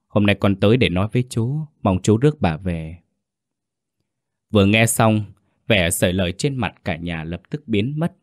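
Low-voiced male storyteller, dry and close. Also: no echo. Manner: steady, earnest first-person telling. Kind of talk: scripted ghost story narration.

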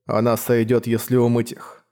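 A man voicing a cold, detached young male hunter who talks flat and emotionless. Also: medium pitch, moderate pace, close to an everyday voice.

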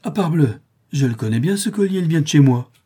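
A man's voice: mid-range voice, normal speed, warm tone, slightly rough, close to an everyday voice. A man voicing a suspicious male goldsmith who speaks in an emphatic, formal way. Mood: exclaiming.

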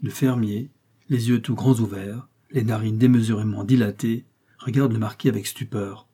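Audiobook reader, man, low dark tone, slightly husky, unhurried narration. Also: fairly even intonation. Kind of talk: scripted narration.

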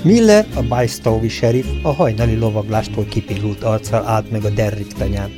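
Man reading an adventure audiobook. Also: lowish voice. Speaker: audiobook reader. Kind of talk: scripted audiobook narration. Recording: dry home audiobook recording.

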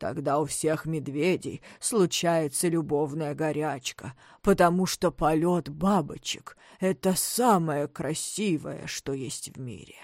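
A woman voicing a big, hungry, grumbling male bear in a storybook, speaking slowly and low in a growl. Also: a little mellow, no room sound, clean studio sound. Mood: gruff. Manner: slow, low growling delivery.

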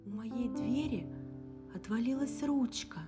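A woman's voice: a little high, a little slow, pitched above the performer's own voice, close to an everyday voice. A woman voicing a frightened young woman, anxious and pleading, close to tears. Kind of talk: audiobook character reading. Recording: guitar music underneath. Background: guitar music.

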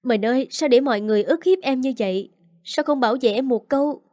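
A woman reading the part of a spiteful young aunt who scolds a child, fast and sharp. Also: on the high side, expressive, dry recording, clean studio sound, lightly acted. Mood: aggrieved. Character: spiteful young stepmother-aunt, shrill and cruel.

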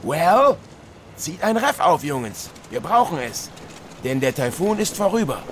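A man voicing a loud, bluff middle-aged sea captain in a radio play, bellowing orders through a storm and dropping English sailor words into his German. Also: medium pitch, big pitch swings, moderate pace, a little hiss or hum, voice pushed up, lightly acted. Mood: gruff relief.

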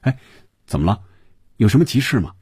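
A man voicing a brusque but soft-hearted young man in a storybook reading, offhand and teasing. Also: mid-range voice, big pitch swings, brisk, breathy edge, no room sound, clean studio sound, pitched above the performer's own voice.

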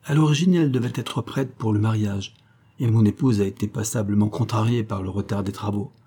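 A courteous aging bourgeois gentleman, father of the bride, speaks with polite assurance and a raised, brighter lift over a dark, husky base, as a male narrator puts him on. It is a character voice in a literary audiobook. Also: fairly low pitch, brisk. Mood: proud.

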